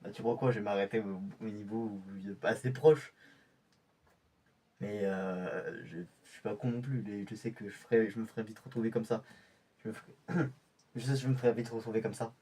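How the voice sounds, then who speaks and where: A man's voice: on the low side, steady tone, fairly quick, mellow, slightly rough, far from the mic. A man playing a young male infiltrator getting ready for a covert mission, often stammering and restarting his sentences in amateur web-drama style. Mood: irritated.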